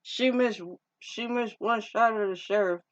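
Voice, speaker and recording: A woman's voice: on the high side, fairly even intonation, a little slow. A woman casually recapping a movie's plot in a rambling, informal way, often restarting her sentences and using slang. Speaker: movie reviewer. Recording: dull lo-fi recording.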